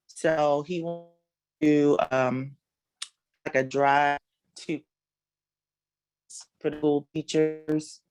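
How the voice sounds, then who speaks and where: A woman's voice: sits low, flat delivery, very slow, long pauses, a little mellow, poor audio. A woman commissioner chairing an online town meeting, hesitating with frequent ums while her video call audio keeps breaking up. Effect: choppy, breaking-up video call audio.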